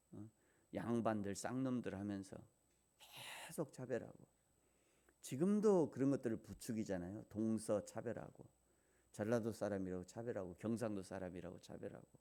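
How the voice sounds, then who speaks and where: A man's voice: on the low side, warm tone. A man pastor giving a morning devotional sermon, speaking in a conversational way with fillers and rhetorical questions.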